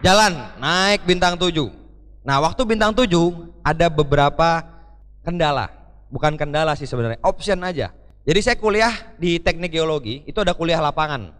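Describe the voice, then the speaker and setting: Higher-voiced man speaking in a reverberant hall. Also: moderate pace. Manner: lively storyteller who acts out quoted dialogue and keeps addressing the audience. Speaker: motivational speaker. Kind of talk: live stage talk to an audience. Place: large event hall. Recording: live hall recording with long reverb.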